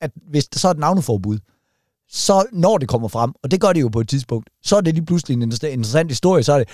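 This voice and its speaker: A man's voice: a little high, animated, darkish tone, no room sound, clean studio sound. A man, co-hosting a podcast, riffing in a rambling, crude way. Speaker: podcast co-host, comedian. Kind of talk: casual banter.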